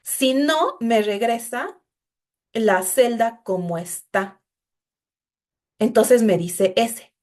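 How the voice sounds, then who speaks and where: A woman's voice: fairly high pitch, extremely slow, pauses often, a little mellow. A woman giving an informal, explanatory recorded programming class and talking directly to her students. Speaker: instructor.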